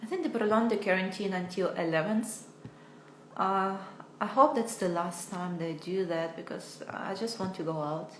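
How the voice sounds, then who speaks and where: A woman's voice: medium pitch, moderate pace, a bit bright, slight background noise. A young American woman teaching English on a casual livestream, chatty and hesitant, often laughing at herself, talking from home into a phone. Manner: chatty, hesitant, self-deprecating. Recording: roomy echo.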